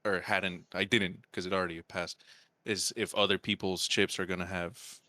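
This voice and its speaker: A man co-hosting a podcast, musing in relaxed casual chat. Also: sits low, moderate pace, no room sound. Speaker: podcast co-host.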